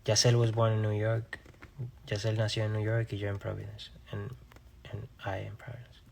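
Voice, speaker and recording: A young man from Rhode Island, a singer, chatting casually on a live stream and reading viewers' questions aloud before answering them in a relaxed, offhand way. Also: on the low side, brisk, creaky, a little hiss or hum. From Rhode Island, USA.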